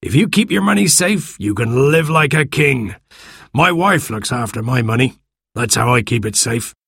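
A man voicing a one-legged pirate cook who is scheming and falsely friendly, pitched higher and slow. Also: expressive, gravelly, fairly bright tone, slightly rough, no echo, studio quality, full character voice.

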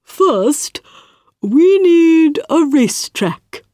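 A large, important male dodo who declares everything loudly and with total confidence, voiced by a woman storyteller. His voice is pitched high and moves a lot, and he speaks very slowly. The sound is dry and close. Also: sing-song, dry recording, exaggerated voice. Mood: bossy. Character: large, important-looking male dodo bird, bossy and cheerful.

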